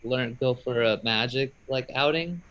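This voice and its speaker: A man's voice: medium pitch, a little slow, dull audio. A man who does magic, talking casually and rambling upbeat on a video call. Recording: faint noise on a video call.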